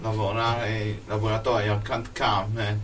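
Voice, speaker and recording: A man's voice: fairly low pitch, monotone, normal speed, fairly bright tone, far from the mic, a little hiss or hum. A man giving short, fragmentary answers as an interview guest in a radio studio. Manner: terse, fragmentary. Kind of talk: brief spoken answers.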